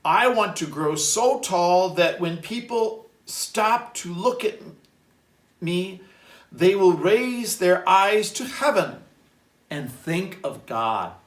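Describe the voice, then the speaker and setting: Man voicing an earnest young female tree, raised pitch. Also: animated, takes it slowly. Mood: earnest, determined. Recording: roomy echo, distant microphone.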